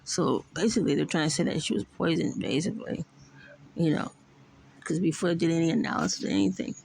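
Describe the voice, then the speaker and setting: Middle-aged woman vlogger, heavy gravelly fry, rambling and profane delivery. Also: low voice, quick pace, a little mellow, a little hiss or hum, poor audio. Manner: rambling, profane, fills with "you know". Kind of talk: casual rambling monologue.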